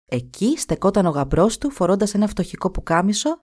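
A woman narrating a fairy tale in an expressive, animated way. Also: mid-range voice. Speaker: storyteller.

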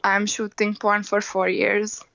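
Brief Hungarian-accented woman in her 20s, interview guest, unhurried and plain-spoken, dull lo-fi line, dry sound. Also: medium pitch, completely flat delivery, gravelly, a bit bright, no room sound. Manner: unhurried, matter-of-fact, simple non-native phrasing. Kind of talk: casual interview answers.

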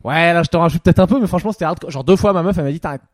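A man jokes and teases his friends as a podcast co-host, rattling off his stories at a quick clip. His voice sits a little high, and the recording is dry and close. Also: dry recording. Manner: joking, teasing, storytelling. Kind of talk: casual banter with friends.

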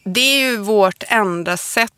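A woman's voice: medium pitch, sharp tone, clear, resonant tone, no room sound. A woman in her forties with a Borås Västergötland accent, a podcast guest chatting casually, self-mocking and often laughing. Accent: Borås Västergötland Swedish. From Sweden, Västergötland. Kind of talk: casual chat.

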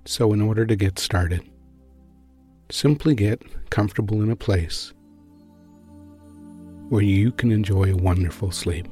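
A man narrating a guided sleep story in a soothing, hypnotic manner, with long pauses between short phrases. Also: on the low side, mellow, slightly rough. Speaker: sleep podcast host and narrator. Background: new-age music.

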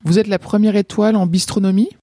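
A man's voice: high-pitched, fairly even intonation, quick pace, warm tone, dry recording, clean studio sound. A man hosting an interview, asking brief prompting questions with some fillers. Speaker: podcast host, interviewer.

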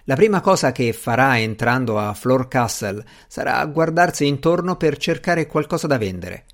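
A man voicing a bored, aloof aristocratic gentleman in an audiobook, speaking in a languid, dismissive way. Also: mid-range voice, expressive, moderate pace, close to an everyday voice. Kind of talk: audiobook character reading.

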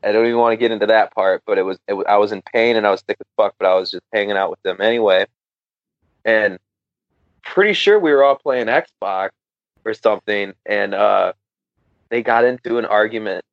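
A man's voice: lowish voice, a little fast, no echo, highs cut off. Profane laughing man telling a story. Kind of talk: casual storytelling chat.

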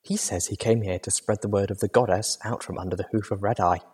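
A man voicing a refined young mare who is a singer and medic, speaking softly and in a measured way in an audiobook. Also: lowish voice, fairly even intonation, husky. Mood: calm.

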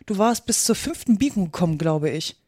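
A woman's voice: medium pitch, lively intonation, fairly quick, warm tone, no echo, clean studio sound, lightly acted. A woman voicing Alice, a curious, earnest young girl who speaks eagerly and politely.

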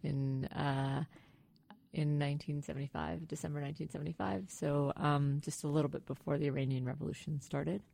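Woman in her 40s from iran on a podcast, really low gravelly voice, thinks out loud with lots of ums. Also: steady tone, a little fast, dry recording. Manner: thoughtful, hesitant, with fillers. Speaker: scientist guest. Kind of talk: podcast interview.

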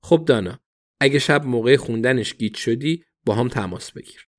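A man voicing a brisk commanding old woman. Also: medium pitch, lightly acted.

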